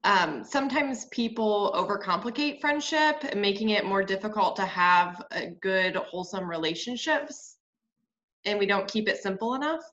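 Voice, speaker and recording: A woman's voice: mid-range voice, lively intonation, moderate pace, a bit bright. A woman in the audience of a video call asking a question, hesitant and thoughtful. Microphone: webcam on video call. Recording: dull, lo-fi video-call audio.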